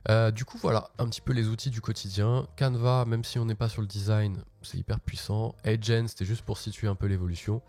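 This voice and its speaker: A man's voice: on the low side, steady tone, a little fast, few pauses, a little mellow. A man hosting a casual live tech walkthrough from his office, chatty and slangy, often restarting his sentences. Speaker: host.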